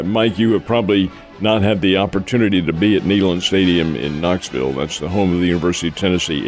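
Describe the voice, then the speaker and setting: Brief: older male sports radio co-host, lowish voice, folksy, faint music underneath. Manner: folksy, addresses listeners as folks. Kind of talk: casual sports radio chat.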